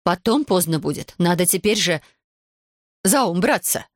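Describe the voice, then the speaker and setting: A woman voicing a strict but kind female schoolteacher in a storybook reading, calm and measured. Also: lowish voice, dry recording, studio quality. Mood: reproachful. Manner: calm, measured, gently reproachful.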